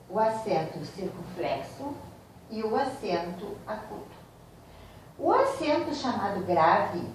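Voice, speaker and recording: A woman teacher, giving a slow, explanatory grammar lesson and speaking directly to her students. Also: a little high, a little mellow, far from the mic, slight background noise. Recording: very echoey room, voice from off mic.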